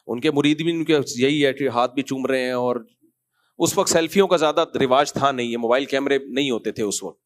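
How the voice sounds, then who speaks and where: Fairly quick and medium in pitch, a man who is an Islamic scholar delivers a chatty religious talk built on stories and jokes. He chuckles along the way and performs the dialogue using different voices.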